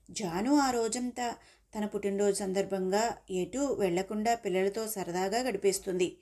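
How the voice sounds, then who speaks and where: Mellow-voiced woman telling a story. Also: mid-range voice. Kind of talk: scripted story narration.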